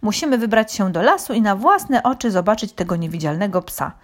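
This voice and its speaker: A woman's voice: mid-range voice, expressive, a little fast, natural voice. A woman voicing a sensible, decisive female pig in a children's story. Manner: practical and decisive.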